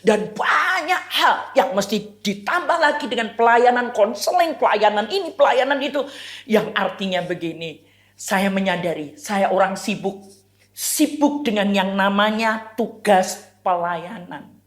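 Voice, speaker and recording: Woman pastor, Indonesian accent, slow deliberate sermon, echoey church hall. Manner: animated storytelling, acts out quoted voices with raised pitch.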